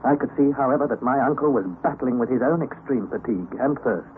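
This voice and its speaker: In an old radio drama, an actor with a medium-pitched, natural voice talks fast, playing the narrator, a young man and nephew recounting his exhausting underground expedition earnestly and dramatically. The recording is tinny with faint hiss.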